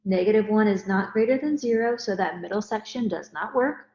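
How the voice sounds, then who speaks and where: A woman's voice: mid-range voice, a little fast, a little mellow. Woman talking through math steps. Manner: step-by-step, explanatory. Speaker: math teacher. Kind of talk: recorded math lecture. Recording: roomy, dull lo-fi recording.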